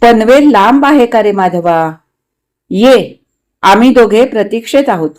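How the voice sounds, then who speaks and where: Woman doing a sweet old guy's letter, heartfelt and emphatic, slow. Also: on the high side, expressive, darkish tone. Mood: affectionate. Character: older man writing a warm, loving invitation.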